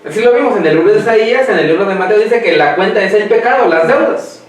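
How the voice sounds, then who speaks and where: A man preaching a sermon who quizzes the congregation and lets them finish his sentences, slowing down to read scripture aloud. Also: sits high, expressive, crowd noise. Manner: slows down when reading scripture aloud. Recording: echoey hall, mic far off.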